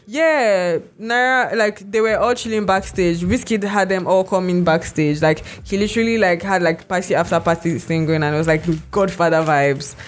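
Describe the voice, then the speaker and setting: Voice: mid-range voice, moderate pace, few pauses, a little hiss or hum. A podcast co-host, chatting casually and rambling with many fillers and restarts. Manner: rambling, heavy use of "like" and restarts.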